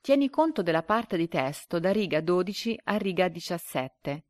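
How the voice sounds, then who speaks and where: Low-voiced woman reading a lesson aloud. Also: very animated, a little mellow, no echo, clean studio sound. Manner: slow and deliberate when reading quiz options. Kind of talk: reading a story and a comprehension quiz aloud.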